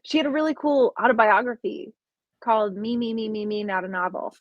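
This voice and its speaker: A young woman appears as a podcast guest, casually discussing her psychic readings in a fairly high, slightly fast voice, captured in a dry, dull recording. She muses aloud and searches for words, restarting often.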